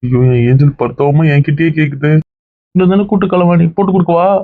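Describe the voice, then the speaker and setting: A man's voice: fairly high pitch, fast, no room sound. A man playing a doting father who laments over his daughter in a family skit. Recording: tinny phone-like dry sound.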